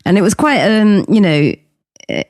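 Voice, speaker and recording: A middle-aged actress and singer appears as a podcast guest, chatting casually in a husky, darkish, medium-pitched voice with big pitch swings at a normal speed. She sounds hesitant and says um a lot, and the studio recording is clean and dry.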